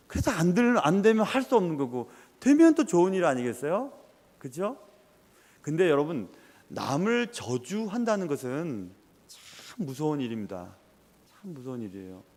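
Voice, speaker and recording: A man preaching a sermon as a pastor, telling stories with lively swings and dropping to a whisper at times. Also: a little high, normal speed, long pauses, big-room sound.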